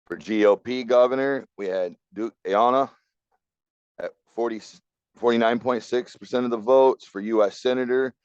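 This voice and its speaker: A man's voice: mid-range voice, moderate pace, darkish tone, smooth, no room sound, muffled recording. A man co-hosting a podcast, talking through politics in a blunt, opinionated way. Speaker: podcast co-host. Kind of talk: casual political talk.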